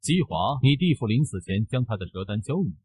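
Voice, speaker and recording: A man's voice: medium pitch, very animated, fairly quick, darkish tone, breathy edge, no echo, voice pushed down, rough recording. A man voicing the grieving noble mother of a snake clan, speaking in a sorrowful, protective way.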